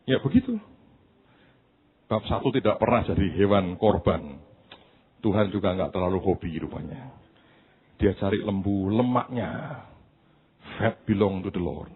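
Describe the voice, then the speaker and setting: A man pastor preaching a sermon, swinging from quiet asides to high shouted preaching, with humorous stories and acted-out quotes. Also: lively intonation, unhurried, pauses often, a little hiss or hum. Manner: tells humorous anecdotes and acts out quoted voices. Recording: thin phone-like sound.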